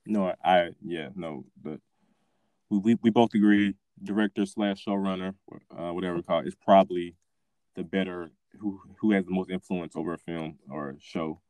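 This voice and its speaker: A man's voice: low-pitched, fairly even intonation, normal speed, a little mellow, no echo. A man hosting a casual film discussion, often restarting his sentences and feeling his way through thoughts. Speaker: host asking questions.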